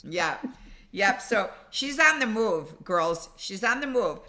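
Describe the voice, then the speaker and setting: Woman host, bright and tense tone, chatty, warmly introduces speakers. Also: mid-range voice, expressive, slow. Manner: chatty, enthusiastic. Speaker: conference host. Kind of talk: casual chat.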